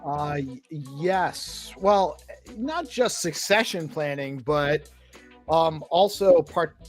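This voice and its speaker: Higher-pitched easygoing male host. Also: expressive, slow pace, soft background music. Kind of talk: casual chat.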